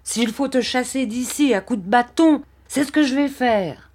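A woman voicing an impatient, rough-tempered peasant man who shouts at a child. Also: medium pitch, slow pace, pitched above the performer's own voice, lightly acted. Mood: angry. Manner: harsh, shouting.

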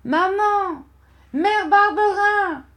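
A woman's voice: drawn-out words, fairly bright tone, heavily acted. A woman doing a sobbing, pleading young boy. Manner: high, pleading cries.

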